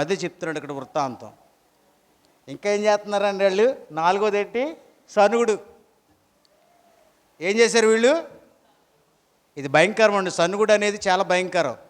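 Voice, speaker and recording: A man's voice: high voice, normal speed, long pauses, long reverb tail. A pastor preaching a sermon, throwing rhetorical questions at his congregation.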